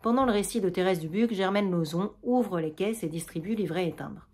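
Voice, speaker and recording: A woman's voice: mid-range voice, brisk, a little mellow. Quebec woman reading stage directions. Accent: Quebec French. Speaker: reader.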